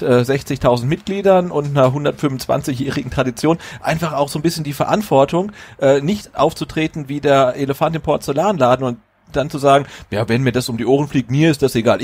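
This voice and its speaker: Husky man arguing club football. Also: mid-range voice, a little mellow. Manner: opinionated, emphatic, many fillers. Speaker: podcast co-host. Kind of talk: casual football podcast discussion.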